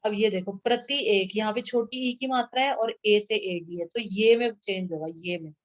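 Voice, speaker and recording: A woman's voice: mid-range voice, moderate pace. A woman teaching a grammar lesson to a class, patiently repeating sounds aloud and checking that students follow.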